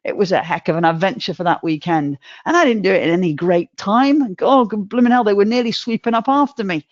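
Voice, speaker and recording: A woman's voice: brisk, no echo, muffled recording. Chatty woman giving a motivational talk. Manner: chatty, self-mocking, with sudden jumps in pitch. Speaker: motivational speaker.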